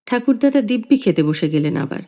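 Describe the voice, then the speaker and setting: A woman narrating a literary short story in an expressive, measured way. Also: fairly high pitch. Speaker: audiobook narrator.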